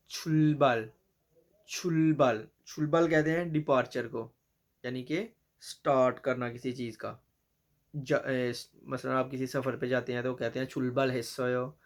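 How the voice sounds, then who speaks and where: A man teaching a vocabulary lesson, saying each word several times and adding short English glosses, with restarts and fillers as he corrects himself. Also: mid-range voice. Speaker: language teacher.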